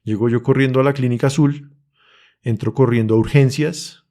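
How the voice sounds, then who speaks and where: A young Colombian man from Bogotá, a podcast guest, shares an emotional personal testimony with earnest urgency, even acting out his own pleas. His mellow voice is mid-range, with fairly even intonation and a moderate pace.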